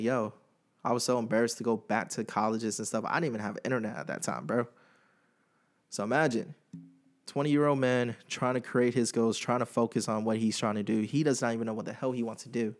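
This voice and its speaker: A young man hosting a podcast, speaking candidly and emotionally in a casual personal monologue full of slang. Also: mid-range voice. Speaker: podcast host.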